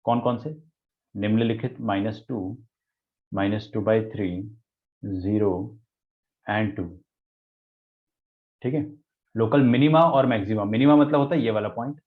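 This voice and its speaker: Man teaching maths over tinny audio. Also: on the low side. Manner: explains step by step, asks rhetorical questions and answers them. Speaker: math teacher. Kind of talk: online lecture in Hindi-English mix. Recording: tinny phone-like lecture audio.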